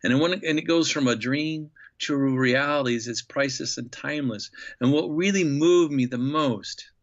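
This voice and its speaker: A man in his fifties from Nebraska, a podcast guest telling a travel story with animated enthusiasm. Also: mid-range voice, moderate pace, muffled recording. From Nebraska, USA. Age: 50s. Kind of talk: storytelling interview.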